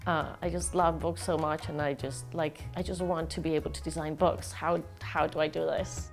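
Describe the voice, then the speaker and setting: Colombian woman designer, lowish gravelly voice, music in the back. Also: level tone, normal speed. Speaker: graphic designer. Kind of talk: documentary interview. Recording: music bed underneath.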